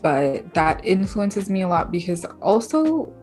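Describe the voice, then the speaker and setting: A low-voiced young woman from Bangladesh talks thoughtfully about her art and writing in a relaxed interview. She speaks softly, with fillers and light laughs. Faint music plays in the background. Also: measured pace. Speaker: artist and writer, interview guest. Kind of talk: casual interview conversation.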